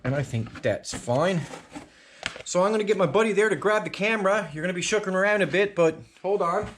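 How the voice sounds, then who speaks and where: This channel host has a high-sitting, brisk voice and a Newfoundland accent, with a bit of background noise behind him. Fixing a car in his home garage for a casual DIY video, he chats and rambles, often using fillers and starting over.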